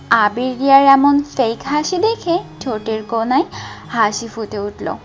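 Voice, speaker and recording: A woman's voice: high voice, muffled recording. A woman narrator reading a scripted romantic story with music behind her.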